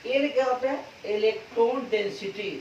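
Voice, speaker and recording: A man teaching a physics class, repeating key terms slowly and quizzing students with call-and-response questions. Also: very high-pitched, darkish tone, slight background noise. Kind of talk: classroom lecture. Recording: echoey, distant, dull classroom recording.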